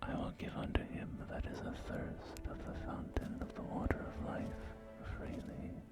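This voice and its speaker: Breathy and whispered, this ASMR voice portrays a polite real estate agent with genteel manners and refined wording. The speaker hesitates and never hurries, and soft music can be heard behind.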